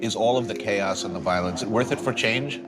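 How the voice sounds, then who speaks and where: A man's voice: on the low side, a little fast. Male host interviewing in a cafe, pushy and probing; heavy music bed. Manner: probing, restarts questions. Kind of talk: interview conversation. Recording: loud music behind.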